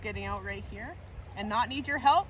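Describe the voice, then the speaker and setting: A woman chatting casually as an interviewee while she sits in ice cold water outdoors in a river. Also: mid-range voice. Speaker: cold dip participant being interviewed. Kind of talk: casual conversation. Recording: distant mic, loud rushing water noise.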